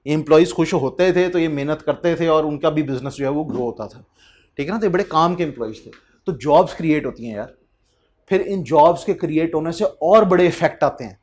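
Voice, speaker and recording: His voice sits on the high side with a slightly mellow quality. He's a Pakistani man in his thirties lecturing on accountancy conversationally, slowly reading English text aloud and asking the class rhetorical questions.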